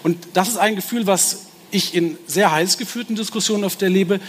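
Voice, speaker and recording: A man's voice: sits high, a little fast. A man giving a public talk, thinking aloud and briefly acting out the voices he quotes. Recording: hall reverb with faint background noise.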